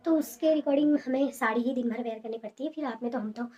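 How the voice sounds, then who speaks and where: A young woman talking softly and casually at home, showing sarees in a haul video with many fillers. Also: fairly high pitch, a little fast, breathy edge, muffled recording. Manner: soft, hushed talk with many fillers. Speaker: fashion vlogger showing sarees. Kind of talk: casual product haul chat.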